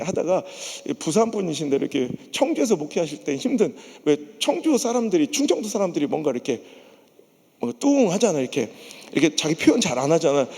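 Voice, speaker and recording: In a large church hall, a Korean pastor from Chungcheong delivers a revival sermon in a high, gravelly voice with a breathy edge. His storytelling is animated and full of jokes, and he voices the characters himself.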